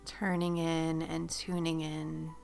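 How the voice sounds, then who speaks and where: A woman guiding a meditation, speaking slowly and soothingly with drawn-out phrases that sometimes soften to a whisper. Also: low-pitched, level tone, gravelly, faint music behind. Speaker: meditation guide. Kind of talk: guided meditation.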